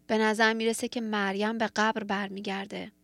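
A woman's voice: mid-range voice, level tone, gravelly, a bit bright. A woman giving a sermon, retelling a scripture story in an earnest, reflective way. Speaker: preacher.

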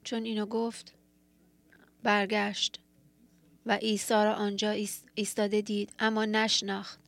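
A woman's voice: medium pitch, completely flat delivery, gravelly, fairly bright tone. A woman giving a sermon, retelling a scripture story in an earnest, reflective way. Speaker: preacher.

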